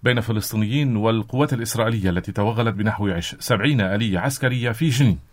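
A man anchoring a radio news bulletin in a brisk, steady newsreader delivery. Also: fairly low pitch. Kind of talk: formal radio news reading.

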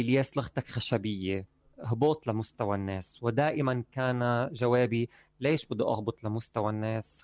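Casting: a male journalist with a Lebanese accent. He speaks quickly and emphatically, with a didactic tone, over dry, muffled audio. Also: medium pitch, vocal fry, no room sound. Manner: emphatic, didactic, with frequent fillers. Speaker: journalist and writer. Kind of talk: conversational explanation of language usage.

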